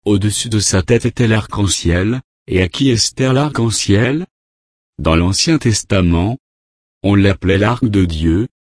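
A man preaching a sermon, reading numbered Bible verses aloud and commenting on each in a measured way. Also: lowish voice, darkish tone, dry recording, clean studio sound.

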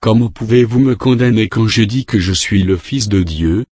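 A man preaching a Bible-study sermon, reading scripture verses and repeating divine names in a steady, measured cadence. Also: lowish voice, no echo, clean studio sound.

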